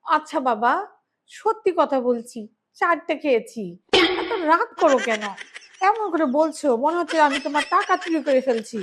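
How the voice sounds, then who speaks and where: A woman's voice: high-pitched, expressive, normal speed. A woman playing a scheming, defensive mother-in-law in a comic family skit, dodging blame with sheepish excuses.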